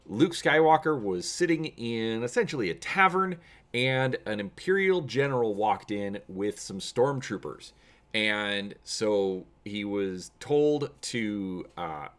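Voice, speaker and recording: A man with a lowish, slightly bright voice hosts a tabletop gaming channel. He chats casually with viewers to open the video, then reads an adventure story aloud as its narrator in a dramatic style.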